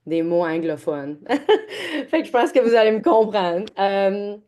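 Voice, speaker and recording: A woman from the Gaspésie in Quebec, with a Québécois French accent, introduces herself as a real estate agent during a friendly webinar on a video call. Her medium-pitched voice is warm, animated and unhurried; she's chatty, laughs often and mixes in English words.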